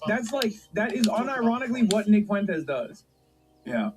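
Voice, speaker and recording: A man's voice: sits high, sing-song, normal speed, slight background noise, poor audio. A man streaming and reacting to news clips, talking sarcastically and in disbelief, often rambling.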